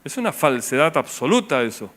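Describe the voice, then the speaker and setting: A pastor with a Rioplatense Spanish accent preaches a sermon, very animated and brisk. He asks the congregation rhetorical questions and lets his voice drop low and soft on key words.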